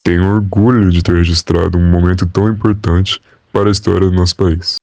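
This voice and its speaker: A man's voice: deep voice, little pitch movement, vocal fry, a little mellow, no room sound. A young man playing a formal old scribe. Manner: measured, formal recital. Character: male Portuguese royal scribe, calm and proud. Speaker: interviewee. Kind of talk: school podcast role-play.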